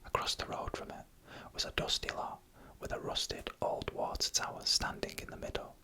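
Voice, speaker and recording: A narrator whispers creepy stories in a breathy, unvoiced ASMR style close to the mic, drawing out the phrasing slowly for suspense. The whisper carries a sharp tone.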